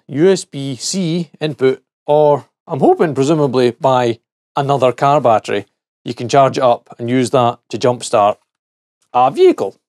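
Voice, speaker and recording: A man's voice: mid-range voice, a little mellow, no room sound, clean studio sound. A middle-aged man chatting casually and jokily while testing and taking apart a gadget, talking to himself as he works. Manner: chatty and jokey, talks to himself while working. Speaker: gadget reviewer. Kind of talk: casual hands-on product teardown.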